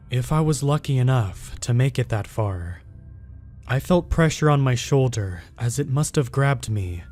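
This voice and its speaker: Male horror narrator, even and unhurried, mid-range voice, soft music bed. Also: mid-range voice. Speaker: storyteller.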